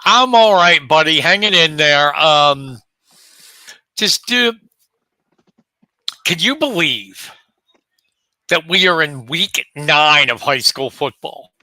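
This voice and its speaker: A man in his late fifties with a very bright, ringing voice, co-hosting a sports talk show. He chats and jokes, often tossing out rhetorical questions. The sound is dry and close. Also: on the high side, expressive, takes it slowly, pauses often, no echo. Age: 50s. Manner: chatty, jokey, asks rhetorical questions. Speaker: co-host.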